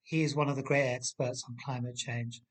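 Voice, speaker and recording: A man's voice: mid-range voice, fairly even intonation, brisk. A man with an English accent speaking as a podcast guest, indignant and emphatic. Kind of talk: passionate discussion.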